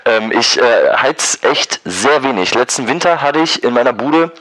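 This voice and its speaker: A man's voice: medium pitch, lively intonation, unhurried, a bit bright, no room sound, poor audio. A man chatting with a friend in a laid-back, agreeable way, using slang. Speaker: friend taking a call. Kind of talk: casual phone chat.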